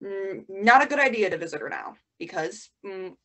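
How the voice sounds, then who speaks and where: A woman's voice: mid-range voice, lively intonation, normal speed, pushed and bright. A young woman acting a chatty teenage theatre student in a stage monologue over a video call, rambling and talking to herself. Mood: musing. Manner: rambling, self-correcting, talks to herself. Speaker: lead actor in a monologue.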